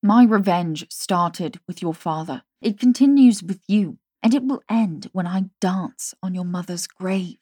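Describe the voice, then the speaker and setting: A woman's voice: fairly low pitch, steady tone, unhurried, mellow, no echo, studio quality. A woman doing Jamie, a bitter vengeful young woman. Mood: cold. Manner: scornful, cutting.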